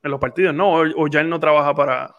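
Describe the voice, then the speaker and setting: Through somewhat dull audio, this fairly high, slightly bright voice moves quickly with fairly even intonation. He's a podcast host in his twenties from Puerto Rico, chatting loosely in a Puerto Rican Spanish accent, full of fillers and restarts.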